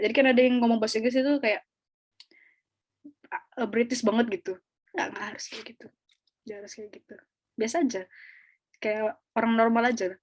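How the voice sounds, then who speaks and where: A woman tutoring an online speaking class, explaining in a chatty, casual way with fillers and small laughs over a video call. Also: fairly high pitch.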